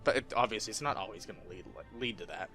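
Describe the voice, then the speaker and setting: A man's voice: fairly low pitch, animated, racing, pushed and bright, faint music behind. Profane rambling young man. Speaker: podcast co-host. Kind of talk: casual chat.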